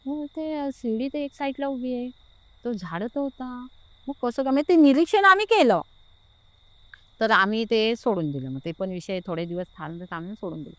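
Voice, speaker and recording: A woman's voice: fairly high pitch, animated, moderate pace, dry recording. A middle-aged woman with a Marathi accent tells a personal story in casual talk, hesitant and full of fillers, acting out what others said. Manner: hesitant, many fillers and restarts, voices others in quotes. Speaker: interview guest telling her experience.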